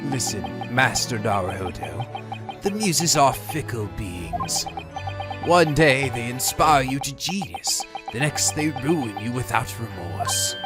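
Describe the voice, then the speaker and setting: Game read-aloud: player as despairing gentleman detective, pompous and melodramatic, very animated pitch, over music. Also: slow pace. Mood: anguished lament. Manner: theatrical, florid, lamenting.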